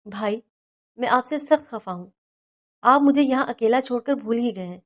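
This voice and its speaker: A woman voicing a lonely, tender young wife who pleads softly with her brother in a storybook reading. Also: a little high, close to an everyday voice. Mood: plaintive.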